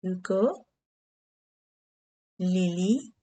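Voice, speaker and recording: A woman teaching beginner French, giving English glosses and repeating key words slowly. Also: on the low side, animated, dark tone. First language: Hindi.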